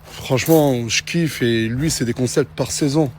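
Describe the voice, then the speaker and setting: A man's voice: mid-range voice, measured pace, slight background noise. A man hosting a casual vlog, speaking to camera and then teasingly questioning people he meets. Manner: teasing, interrogating, repeatedly calls for calm. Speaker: Snapchat influencer host.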